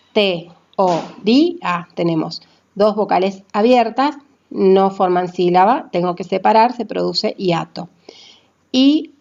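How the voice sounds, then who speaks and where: A woman's voice: medium pitch, darkish tone, dull audio. A woman language teacher explaining grammar in a classroom manner. She spells out letters and syllables one by one and checks in with her listeners.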